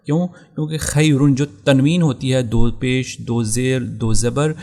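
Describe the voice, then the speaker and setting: A man teaching Quran recitation rules speaks with a Pakistani Urdu accent in a gravelly, creaky mid-pitched voice that's a little mellow, with fairly even intonation. His lesson is patient and stepwise, returning to each rule and handling every example slowly.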